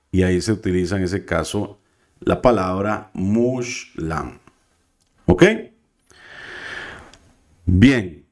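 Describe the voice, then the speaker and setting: Slow, patient, low-voiced male teacher. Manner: patient, slow, checks in with the class. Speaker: biblical Hebrew teacher. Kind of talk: classroom lesson.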